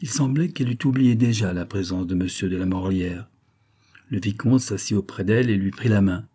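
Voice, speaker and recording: A male audiobook narrator reading a classic novel in a measured, even way. His voice is low, dark and mellow, with a husky edge.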